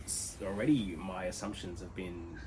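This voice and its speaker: A man's voice: low voice, steady tone, normal speed, noisy background. A young Australian man co-hosting a podcast, playfully prompting his friend with questions and wordy asides. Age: young adult. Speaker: podcast co-host. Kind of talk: casual chat.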